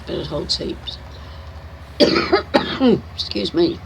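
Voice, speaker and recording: Against a noisy background, an older New Zealand woman streams a farming game, chatting teasingly and narrating her own driving. Her croaky voice is fairly low, very slow and marked by big pitch swings.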